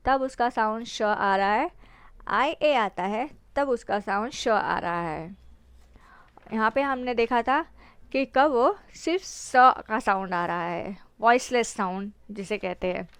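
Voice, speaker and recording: A woman's voice: fairly high pitch, clean tone, dry recording. A woman teaching phonics, spelling out letters and repeating example words one by one. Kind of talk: slow explanatory phonics lesson.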